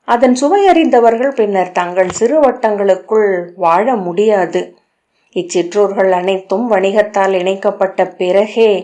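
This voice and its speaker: A proud, calculating queen speaks in measured, commanding tones, read by a woman narrating an audiobook. The voice is mellow and dark, at a middle pitch for a woman. It is a storybook reading. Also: natural voice.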